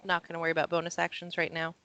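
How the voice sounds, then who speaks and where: A woman narrating as game master of a tabletop game, animated and quick with asides. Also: fairly low pitch, a little hiss or hum, rough recording.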